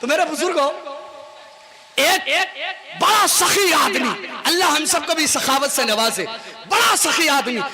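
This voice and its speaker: A maulana telling a funny moral story on stage, animated and often shouting. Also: male voice, very high voice, unhurried, pauses often. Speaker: maulana, preacher. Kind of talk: humorous moral storytelling sermon. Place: stage at a live poetry gathering. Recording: live event with loud crowd.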